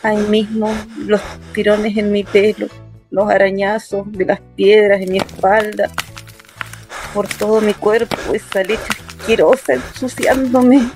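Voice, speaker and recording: Over background music, a woman performs a dramatic first-person radio play as a young working-class Chilean daughter recounting her assault. The character is wounded and bitter, the mood haunted and tense. Her medium-pitched, darkish voice is unhurried and fairly even, close to everyday speech.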